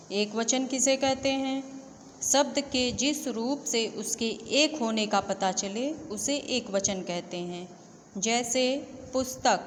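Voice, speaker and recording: A woman teaches children an online grammar lesson, slowly and patiently, working through one example after another. Her voice sits a little high. The recording has a lingering room reverb and faint background noise. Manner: slow, patient explaining with repeated examples. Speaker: Hindi teacher.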